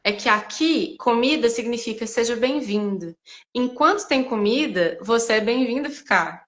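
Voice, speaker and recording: A woman's voice: a little high, animated, moderate pace. A woman from Belo Horizonte with a Mineiro Brazilian Portuguese accent, chatting casually and animatedly as host of a live stream, laughing often.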